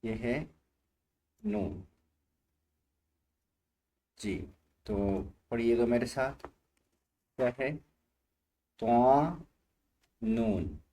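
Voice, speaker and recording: A man's voice: medium pitch, extremely slow, long pauses, a little mellow. A man teaching Quran reading letter by letter, patiently repeating each letter and asking the learner to say it aloud. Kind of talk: slow letter-by-letter recitation lesson.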